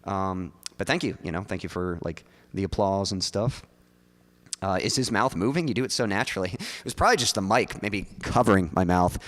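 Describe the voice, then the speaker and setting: A man's voice: sits low, animated, fairly quick, fairly bright tone, long reverb tail. A man streaming as a songwriter, talking loosely with lots of "like" and "um" into a studio mic in front of his mouth. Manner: loose and chatty, full of likes and ums. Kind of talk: casual livestream chat.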